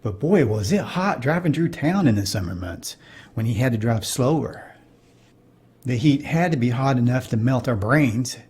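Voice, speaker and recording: A man's voice: mid-range voice, lively intonation, moderate pace, darkish tone. A middle-aged man giving wry, nostalgic comedic narration for a cartoon.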